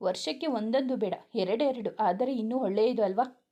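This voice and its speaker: A woman's voice: fairly high pitch, moderate pace, mellow, highs cut off, lightly acted. A woman reading as a cheeky pregnant young wife. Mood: playful. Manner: playful, coaxing.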